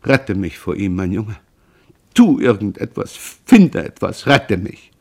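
A man reading the lines of a grieving, frightened mother in an audiobook, in a slow, mournful confessional manner. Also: on the low side, creaky, darkish tone, heavily acted. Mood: desperate.

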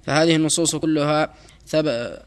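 A man reading a classical Arabic text aloud for a teacher, reciting quickly and evenly with small slips. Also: a little high, clean tone.

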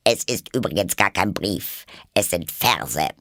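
A man's voice: deep voice, lively intonation, sharp tone, no echo, studio quality, heavily acted. A man voicing a nervous, deferential rabbit courtier who talks reverently and in a hurry. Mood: hurried. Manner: overly reverent, hurried.

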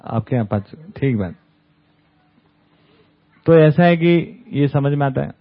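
A man's voice: mid-range voice, expressive, measured pace. Man lecturing over a tinny line. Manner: conversational, often adds "है ना?" tag questions. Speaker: camp speaker. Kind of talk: talk to a study group. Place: camp hall with an audience. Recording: tinny phone-like sound.

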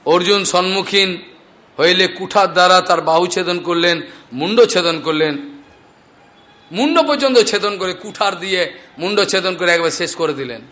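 A man telling scripture stories as a devotional preacher, animated and acting out the characters' speech. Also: sits high, moderate pace. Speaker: Bhagavata storyteller preacher.

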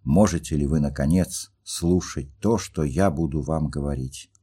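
Playing an agitated, earnest young dreamer sick with love, the reader uses his own deep, husky, dark voice. He moves at a moderate pace and bursts out in fervent pleas.

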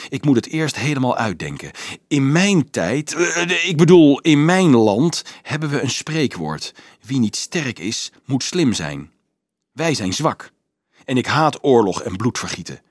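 Casting: determined teen boy, low, brooding, firm, read by a man; dry, close audiobook sound. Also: very animated, measured pace, no room sound. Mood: stubborn. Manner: low, stubborn, thoughtful. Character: stubborn, brooding teenage boy with a plan.

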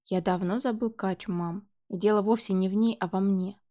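A woman's voice: medium pitch, fairly even intonation, brisk, warm tone, close to an everyday voice. A woman reading the lines of a tired, patient son in his late twenties in an audiobook. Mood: calm. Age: 20s. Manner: tired, pleading. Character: weary 29-year-old son, patient.

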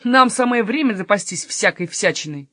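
A woman's voice: medium pitch, expressive, moderate pace, bright, forceful tone, dry recording, clean studio sound. Lady doing a greedy lazy robber guy, mumbly, storybook. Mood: sheepish. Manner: mumbling, sheepish. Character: greedy easygoing male robber.

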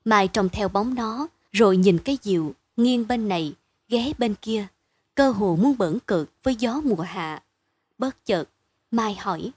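A woman reading a bedtime story aloud in a calm, measured way. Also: medium pitch, husky.

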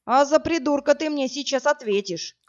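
A woman voicing a burly, crude male thug who barks orders and mocks, in a rough, coarse, threatening manner. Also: mid-range voice, normal speed, close to an everyday voice. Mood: gruff. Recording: dull lo-fi audiobook, faint music.

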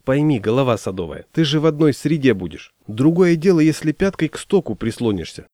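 A man's voice: fairly high pitch, very animated, fairly quick, mellow, dry recording, clean studio sound, voice pushed up. A man voicing a smug, bookish friend who talks in an ironic, lecturing way.

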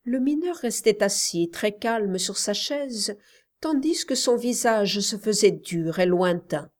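A woman reading a literary audiobook with measured, even narration. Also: medium pitch. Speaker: audiobook reader.

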